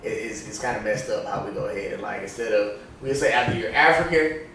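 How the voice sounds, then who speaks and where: A man's voice: fairly low pitch, fast, vocal fry, a bit bright, slight background noise. Skeptical man in an echoey room. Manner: skeptical, contrarian interjections. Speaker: podcast co-host. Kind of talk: casual chat. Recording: echoey room, distant mic.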